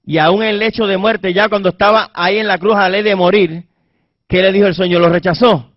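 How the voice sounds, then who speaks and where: Fervent preacher, dull dry recording. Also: male voice, high-pitched, steady tone, brisk, no echo. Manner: fervent, swings between loud emphasis and hushed tones. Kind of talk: sermon.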